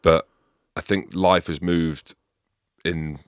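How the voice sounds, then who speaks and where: A middle-aged man with an English accent, hosting a casual podcast chat and leading the questions in an animated, chatty way. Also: sits low, slow pace, smooth, no room sound, clean studio sound. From England. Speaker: podcast host.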